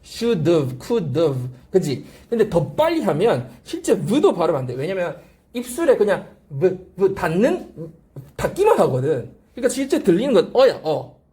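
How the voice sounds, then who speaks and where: Brief: animated, mellow-toned language teacher; repeats drill phrases, prompts students with quick check-ins. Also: mid-range voice. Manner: asks frequent rhetorical check-questions. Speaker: English teacher at a language academy. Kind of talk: classroom grammar lecture.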